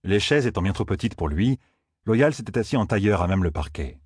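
A man's voice: lowish voice, brisk, slightly rough, dry recording, studio quality. A man narrating a fantasy audiobook expressively. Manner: expressive, voices each character.

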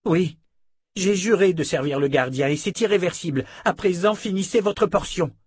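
A man voicing a fierce young woman, a vehement and imperious sorceress of a dark order, in an audiobook. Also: high voice, normal speed, husky, no room sound, studio quality, pitched above the performer's own voice. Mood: defiant.

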